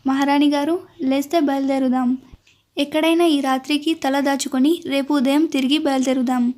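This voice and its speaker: A woman's voice: high voice, fairly even intonation, normal speed, darkish tone, close to an everyday voice. A woman voicing a playful, teasing young man who protects a queen in a storybook tale. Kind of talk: storytelling narration.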